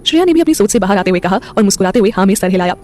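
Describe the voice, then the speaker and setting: A woman narrating a romantic audio story in an expressive, scripted storytelling style. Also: mid-range voice, racing.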